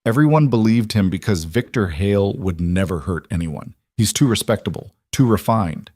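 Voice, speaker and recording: A guarded, brittle frontier woman, as a male narrator puts her on, her words quiet and strained, halting as she goes. The voice sits a little low and dry, with no room around it. It suits a western audiobook. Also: expressive, breathy edge, no room sound.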